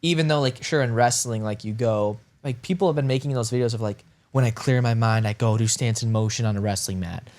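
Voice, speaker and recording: A man's voice: medium pitch, a little fast, hardly any pauses, a little mellow. A man in his early twenties co-hosting a podcast, chatting in a rambling, laid-back way with lots of filler words. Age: early 20s. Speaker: podcast co-host. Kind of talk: casual chat.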